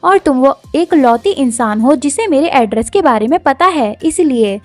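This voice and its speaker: A woman's voice: high voice, expressive, moderate pace, no echo, faint music behind. A woman voicing a clingy, doting young nobleman in a manhwa recap, pleading and affectionate.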